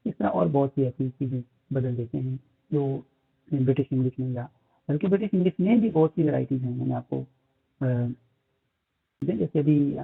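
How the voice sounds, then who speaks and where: This Pakistani-accented man gives a phonetics lecture in which he mixes in English terms, uses lots of fillers, and reads English lines slowly. He has a medium-pitched, slightly rough voice with vocal fry, captured in tinny, phone-like audio.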